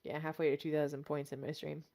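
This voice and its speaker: A woman with a slightly low voice chats casually on a gaming livestream. She is playful and teasing, bantering in an informal, conversational way. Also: little pitch movement, quick pace, gravelly, mellow. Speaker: livestream gamer.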